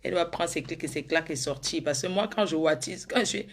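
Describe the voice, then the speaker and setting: A woman's voice: sits low, fast. Playful woman, theatrical. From Africa. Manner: playful, theatrical, swings from sweet coaxing to loud outbursts. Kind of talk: comedic sketch monologue to an unseen lover.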